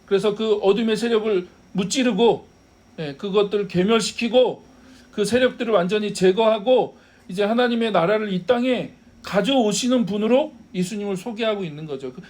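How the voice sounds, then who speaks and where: High-voiced man preaching a sermon. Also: normal speed, a little mellow. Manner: asks the congregation rhetorical questions, laughs now and then. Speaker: pastor.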